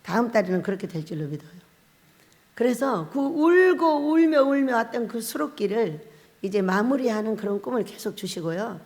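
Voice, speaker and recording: A woman's voice: fairly high pitch, lively intonation, normal speed, a little mellow. A woman pastor giving a revival sermon, telling stories and acting out the voices she quotes. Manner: storytelling, acts out quoted voices, laughs often. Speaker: pastor, head of a fasting prayer house. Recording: long hall reverb.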